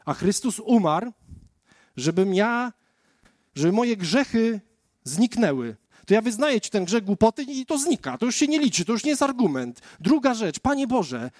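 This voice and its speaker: A slightly mellow, high male voice comes through a dry, clean studio recording. He preaches casually, sharing his testimony as a story and turning directly to the listeners.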